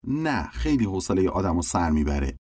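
A man's voice: sits low, sing-song, darkish tone, breathy edge, heavily acted. A man doing a bored, dismissive teenage girl. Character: bored teenage girlfriend, cool and impatient.

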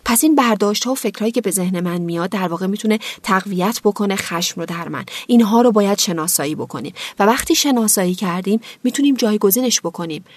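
A woman explaining anger management in a calm, measured way with everyday examples. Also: mid-range voice. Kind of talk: explanatory podcast talk.

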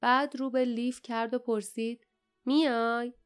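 Woman reading an audiobook, smooth clear voice a bit high, even and measured. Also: faint music behind. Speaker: audiobook narrator. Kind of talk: scripted audiobook narration.

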